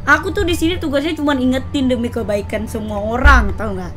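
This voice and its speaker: A woman in a game roleplay, calmly lecturing and scolding a friend. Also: high-pitched, brisk, music in the background. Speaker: roleplay gamer. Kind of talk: in-character game roleplay chat.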